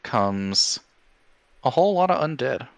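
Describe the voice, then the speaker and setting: A man's voice: mid-range voice, sing-song, a little slow, vocal fry, dry recording. A man narrating a tabletop game as game master, in an informal, sweary way.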